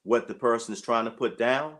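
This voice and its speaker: A man's voice: mid-range voice, fairly quick, fairly bright tone. A man in his late fifties, a track and field coach, talking earnestly in an interview and often saying "you know". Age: 50s. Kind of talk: conversational interview.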